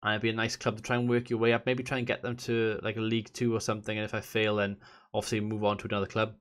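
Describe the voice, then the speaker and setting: A man's voice: fairly low pitch, level tone, very fast. A man from south Wales with a Valleys accent, giving casual, chatty commentary as host of a gaming vlog. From Merthyr Tydfil, south Wales. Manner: informal, chatty explaining.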